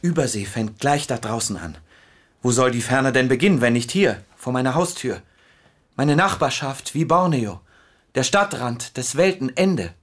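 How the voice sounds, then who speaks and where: A man's voice: mid-range voice, animated, moderate pace, lightly acted. An actor in a radio drama playing an anxious man who wants to stay home and keep everyone near.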